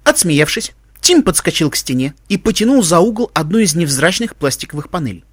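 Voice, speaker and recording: A man narrating a fan fiction story with expressive, dramatic storytelling. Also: on the high side, a little fast, slightly rough, no echo, studio quality. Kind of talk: audiobook fan fiction reading.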